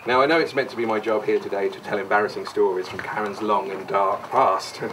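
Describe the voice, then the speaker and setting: A man's voice: on the low side, steady tone, a little fast. A man gives a rambling best man style wedding speech, jokey and mock-sincere, often digressing. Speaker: wedding speaker, brother of the bride. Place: wedding reception room. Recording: noisy distant live room recording.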